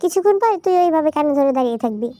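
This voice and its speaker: A woman's voice: high voice, animated, rapid-fire, dark tone, dry recording. Woman as a testy young groom, short replies, easily annoyed. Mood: irritated. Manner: curt, snapping. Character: grumpy young husband, short-tempered.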